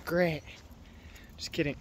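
A young man filming himself on a phone for a missionary vlog, chatting casually and joking as he goes. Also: slow. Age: young adult. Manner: excitable, joking, self-mocking. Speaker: missionary vlogger. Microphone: phone held at arm's length.

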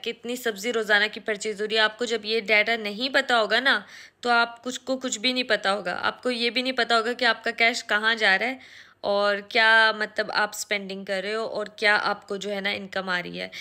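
A young woman vlogs casually at home, talking to a phone camera held close in a small room. Her mid-range voice sounds bright and forceful as she shares lessons from running a restaurant, sprinkling in English words.

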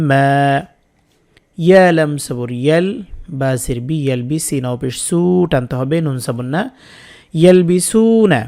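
Man spelling out Quran verses slowly. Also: a little high, a little mellow. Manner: slow, patient letter-by-letter spelling with drawn-out recited words. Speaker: Quran recitation teacher. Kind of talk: spelling-out recitation lesson.

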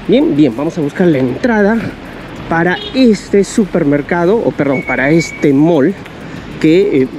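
Upbeat middle-aged guy vlogging on a walk, talks to his viewers a lot, lots of loud street and crowd noise. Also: on the high side, lively intonation, a little slow. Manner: chatty, upbeat, asks viewers questions. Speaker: travel vlogger. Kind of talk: walking travel vlog narration. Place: outdoors by a street, then inside a large mall. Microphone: action camera held at arm's length. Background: traffic and crowd ambience.

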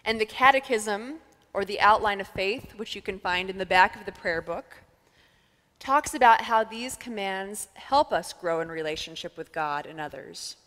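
A woman pastor in her thirties delivers a sermon at a medium pitch, calm and measured, pausing to let points settle. Her voice carries the long reverb of a church sanctuary, picked up on a headset mic. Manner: calm, measured preaching with thoughtful pauses.

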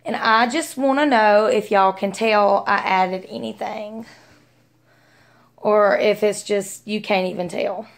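Holding her phone at arm's length, a young Southern US vlogger chats casually from small rooms at home and from inside her car. Her medium-pitched voice is gravelly, and she takes her time speaking.

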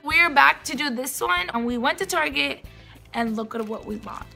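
A woman's voice: high voice, animated, moderate pace, gravelly, bright, forceful tone, soft background music. A young woman vlogger chatting casually and animatedly to the camera as host. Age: young adult. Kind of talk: casual vlog chat to camera.

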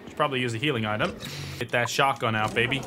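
A man's voice: medium pitch, fast talker. A man giving casual, chatty commentary while playing a video game, thinking aloud and swearing now and then. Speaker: gameplay commentator. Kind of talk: casual let's-play commentary. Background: game sounds and music.

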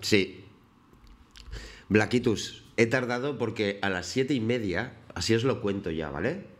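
A man's voice: fairly low pitch, unhurried. A man chatting casually with his viewers on a live stream, greeting them by name while he paints.

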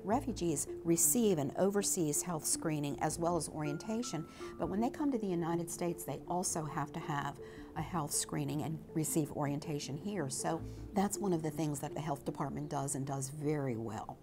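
Woman in her sixties, coordinator, very low pitch, measured tone, music clear behind. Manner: measured, appreciative. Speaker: state refugee coordinator. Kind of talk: interview.

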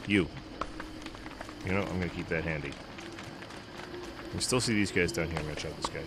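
Over loud background music, a low-voiced man chats casually through a let's-play at normal speed, mumbling to himself along the way. His voice has a slight cold-induced congestion, and the audio is very noisy.

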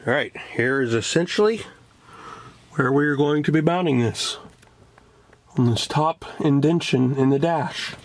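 His pitch is fairly high, and he speaks a little slowly, pausing often. He hosts a casual DIY how-to vlog, giving plainspoken step-by-step phrases into a handheld camera at arm's length while in a yard outdoors and in a parked vehicle. Ambient noise comes through clearly on the camera.

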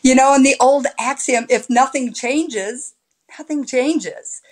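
A woman in her sixties, a podcast guest, telling her story in a lively, animated way over a video call from a room at home. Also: high-pitched, slow. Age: 60s. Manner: animated storyteller with big hand gestures. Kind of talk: casual interview chat. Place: home room with high ceiling. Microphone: laptop webcam on a video call.

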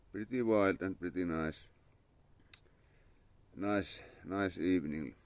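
A young Finnish man with a Finnish accent chats casually on a live stream in his yard, sitting outdoors under a parasol. His voice is extremely low with vocal fry and a slightly mellow quality as he thanks followers and mutters to himself. It's captured on a phone camera held at arm's length.

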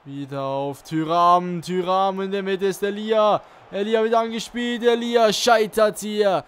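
A man's voice: high voice, a little hiss or hum. A man giving play-by-play commentary on his own football video game, calling out player names as he goes. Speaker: gaming YouTuber playing and commentating his career mode.

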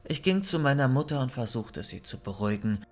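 A man narrating a horror story in a measured, suspenseful way. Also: mid-range voice, very animated. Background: faint background music.

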